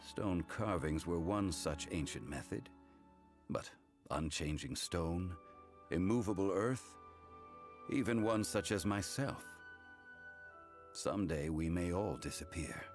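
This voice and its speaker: An actor playing a calm, solemn ancient man, a wise former god in a video game, who speaks in a formal, measured, reflective way. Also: deep voice, soft background music. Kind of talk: English game voice acting, story dialogue.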